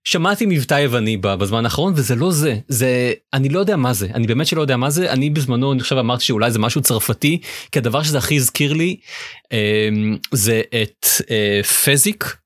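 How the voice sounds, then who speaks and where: A man with an Israeli accent chatting casually about games as a podcast co-host, in a hesitant, halting way. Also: medium pitch, expressive, dry recording, studio quality. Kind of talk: casual gaming chat.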